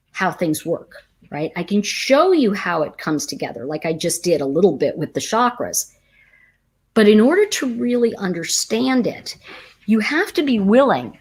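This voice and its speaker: With a slightly rough, mid-range voice, a tarot teacher from the United States hosts a casual livestream of stories. She talks in a loose, rambling manner, frequently starting her sentences over.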